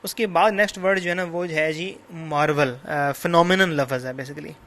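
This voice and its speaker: A man's voice: on the high side, fairly even intonation, moderate pace, fairly bright tone. A man lecturing on a novel, patiently explaining English words by listing translations and synonyms, repeating and rephrasing each point. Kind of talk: recorded classroom lecture.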